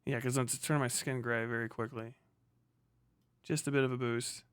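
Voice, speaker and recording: Hosting an unscripted livestream, a man talks casually, mumbling under his breath and cursing liberally. His medium-pitched voice is smooth and steady at a normal pace, recorded at studio quality without echo.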